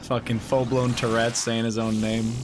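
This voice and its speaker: A man's voice: medium pitch, level tone, normal speed, background noise. A man streaming a game and chatting casually with his viewers, swearing and joking as he plays. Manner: loose, swearing, joking with chat. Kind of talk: casual live-stream chat.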